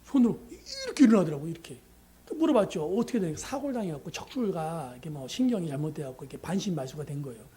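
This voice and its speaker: A middle-aged man preaching as a pastor, telling a story with animated delivery and acting out the prayers and dialogue in it. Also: on the high side, racing. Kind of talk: sermon with storytelling.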